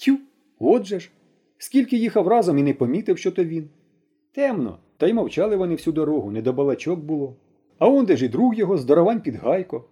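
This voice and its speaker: A man reading an audiobook aloud with expressive storytelling. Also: on the high side, fast talker, breathy edge. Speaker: audiobook reader. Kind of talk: audiobook narration.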